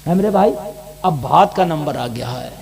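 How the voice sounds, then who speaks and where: A male Islamic preacher, delivering a fiery sermon to a crowd, swinging from soft asides to shouted appeals. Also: on the high side, lively intonation, moderate pace, vocal fry, a little hiss or hum.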